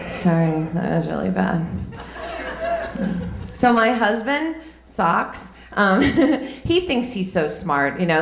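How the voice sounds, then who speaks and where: Slow-paced woman joke teller, echoey room. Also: lowish voice. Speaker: stand-up comedian. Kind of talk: stand-up joke telling. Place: live comedy stage. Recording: roomy, echoing live venue.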